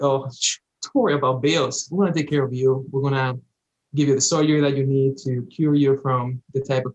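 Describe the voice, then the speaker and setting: A man's voice: mid-range voice, darkish tone, low-quality recording. Man, young adult, Dominican accent, earnest, grateful, interview guest. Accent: Dominican Spanish. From Dominican Republic. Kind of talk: remote interview.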